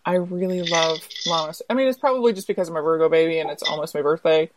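Lower-voiced chatty woman guest. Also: fast talker. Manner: chatty, animated, restarts phrases. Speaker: guest author. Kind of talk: casual podcast chat and storytelling.

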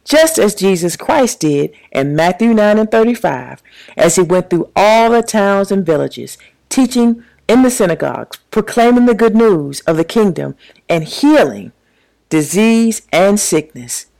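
A woman in ministry, a podcast co-host, reading a prepared commentary with measured, preacherly emphasis. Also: medium pitch, lively intonation, creaky, darkish tone, poor audio. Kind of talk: prepared commentary, read aloud.

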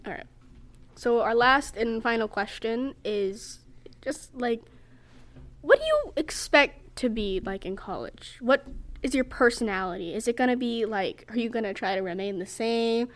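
A teenage girl hosts a casual student podcast, rambling through her plans with lots of fillers. Her voice sits on the high side, and she talks at a moderate pace.

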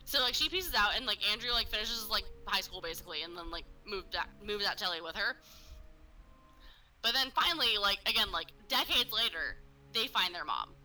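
Young woman, casual storyteller, piercingly bright tone, loose, profane, filler-packed, faint background music. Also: medium pitch, lively intonation, poor audio. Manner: rapid, filler-heavy retelling with frequent swearing. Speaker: podcast host telling a story. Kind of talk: casual chat.

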